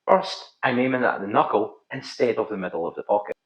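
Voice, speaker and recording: A man's voice: mid-range voice, lively intonation, a little fast. A middle-aged man with a thick Scottish accent, giving scripted instructional narration as a pool coach and video host. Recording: slightly dull, roomy echo.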